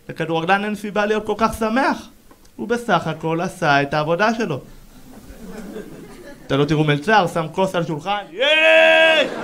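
A man doing a brash stand-up routine, teasing the audience on a comedy club stage. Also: sits high. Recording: loud crowd and noise, live set.

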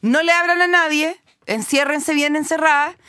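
A woman's voice: sits high, moderate pace, sharp tone, dry recording, studio quality, voice pushed up. A woman with a Chilean accent voicing a fussy mother goat who gives her kids firm orders. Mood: bossy.

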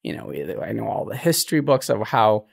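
A young adult man from Ethiopia, a podcast guest talking in an earnest, reflective way with frequent pauses. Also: mid-range voice, gravelly, breathy edge. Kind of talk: conversational interview.

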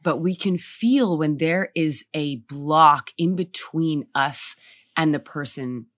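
A woman's voice: sits low, slow, no echo, studio quality. A woman guest in a casual spiritual conversation, reflective and emphatic, often repeating her phrases. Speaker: podcast guest.

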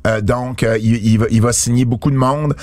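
A man's voice: mid-range voice, fairly even intonation, fairly quick, darkish tone, no echo. Hesitant Quebec French man, dry sound. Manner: hesitant, many fillers and restarts. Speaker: wrestling podcast co-host. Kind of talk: casual chat.

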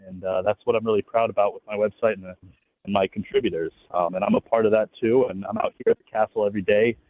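Phone-quality male radio guest, a sports writer talking quickly and casually. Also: lowish voice, fairly even intonation. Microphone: phone call into radio show. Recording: tinny narrow phone line.

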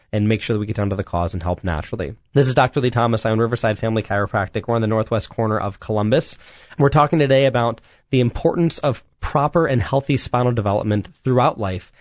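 A man's voice: mid-range voice, no room sound. Chiropractor guy on a radio health show, earnest and pushy, lots of you knows, dry close studio sound. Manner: earnest, urgent, with frequent restarts and "you know". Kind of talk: solo radio health talk.

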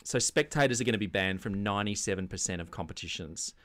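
A man with a broad Australian accent co-hosting a comedy podcast, delivering casual satirical banter with a deadpan, mock-serious manner. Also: fairly low pitch, fast, no room sound. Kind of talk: casual satirical banter about sports news.

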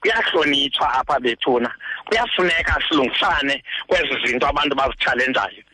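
A man's voice: medium pitch, lively intonation, fairly quick, bright, forceful tone, breathy edge, no echo, low-quality recording. A man with a Xhosa accent, explaining traditional custom as a guest expert on talk radio.

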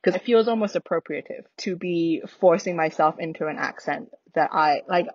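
A woman's voice: on the low side, normal speed, darkish tone, breathy edge, no echo, dull audio. A woman with an American accent influenced by years in Britain, chatting casually and reflectively in thoughtful, hesitant phrases. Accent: American with British influence. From United States.

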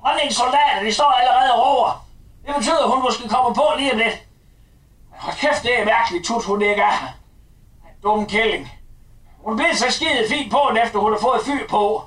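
Sketch: man as crude gossipy mum, very high voice, rambling and swearing, picked up from a distance in an echoey room. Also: a bit bright. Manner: crude, rambling, talks about herself as "mor". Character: crude gossipy middle-aged mother, bossy and blunt. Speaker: sketch actor. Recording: roomy, distant recording.

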